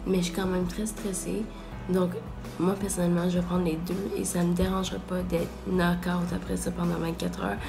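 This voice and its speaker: A woman's voice: fairly low pitch, flat delivery, moderate pace, gravelly. Casual Quebec woman vlogger over music. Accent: Quebec French. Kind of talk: casual, candid vlog chat.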